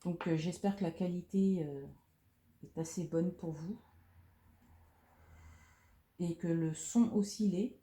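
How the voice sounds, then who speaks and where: A thirty-year-old woman chatting casually while she colors, speaking softly and hesitantly with lots of fillers, into a phone beside her head. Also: on the low side, slow pace, pauses often. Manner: soft-spoken, hesitant, many fillers. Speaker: coloring vlogger. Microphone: phone camera right beside her head. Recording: roomy echo.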